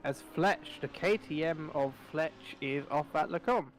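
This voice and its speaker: A man's voice: on the high side, measured pace, slight background noise. Chatty male sim racing commentator. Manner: rambling, self-correcting, chatty. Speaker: race commentator.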